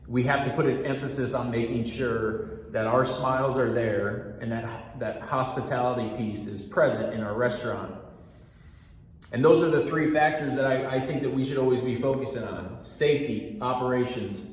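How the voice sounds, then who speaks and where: A middle-aged man, a restaurant manager, giving a staff orientation talk through a mask in a steady, fairly monotone, earnest way. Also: mid-range voice. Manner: talks through a mask, patient and repetitive. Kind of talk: training talk. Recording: very echoey room with long reverb.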